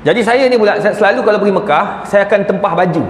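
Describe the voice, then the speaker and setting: A man with a Malaysian Malay accent giving a lecture in a large hall, telling animated stories and acting out the people in them. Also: sits high, very fast. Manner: animated anecdotes, acts out quoted voices. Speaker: religious lecturer. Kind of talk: mosque lecture with storytelling. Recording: echoey hall with faint ambience.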